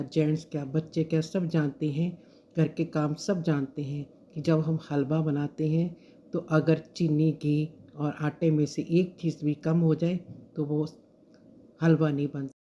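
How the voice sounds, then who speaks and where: Dark-voiced woman telling a moral story. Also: deep voice, slight background noise. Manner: gentle, measured storytelling. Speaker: storyteller and speaker. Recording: dull lo-fi recording.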